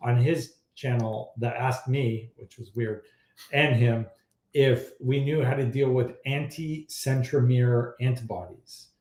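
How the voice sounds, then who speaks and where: A man's voice: mid-range voice, a little slow. Blunt male fertility doctor, echoey room. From Iran. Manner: blunt, animated, exasperated at odd claims. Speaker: fertility doctor answering questions. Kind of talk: casual live Q&A.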